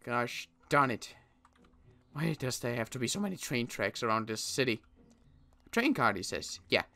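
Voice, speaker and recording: In an improvised game roleplay, a male player voices a wary adult survivor, speaking wryly and haltingly with frequent restarts. His mid-range voice is gravelly and sing-song.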